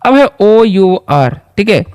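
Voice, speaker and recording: A man's voice: high voice, sing-song, takes it slowly, darkish tone, smooth, no room sound, clean studio sound. A man teaching basic English words in Hindi, patiently repeating each word and asking the viewer questions. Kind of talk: spoken English lesson in Hindi.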